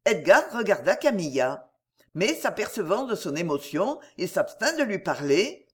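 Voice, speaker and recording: A woman narrating a classic novel aloud in an expressive, measured reading. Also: lowish voice, slightly rough. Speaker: audiobook narrator.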